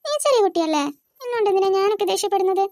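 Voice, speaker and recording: A performer voicing a gentle young mother in a cartoon, speaking softly and coaxingly to small children. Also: very high-pitched, lively intonation, racing, dry recording, studio quality. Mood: soothing.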